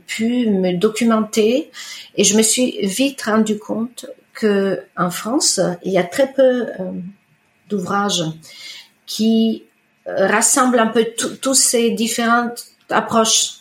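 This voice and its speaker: A middle-aged iridologist whose first language is Italian talks about her work as an interview guest, her voice on the high side. She sounds hesitant, pausing often with fillers and restarting sentences, in a conversational exchange recorded with a roomy echo.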